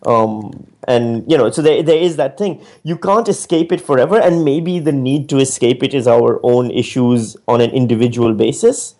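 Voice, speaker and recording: A man from Pakistan, an author and stand-up comedian, talking through his ideas in a casual interview, reflective and animated with frequent restarts. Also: medium pitch, normal speed, few pauses.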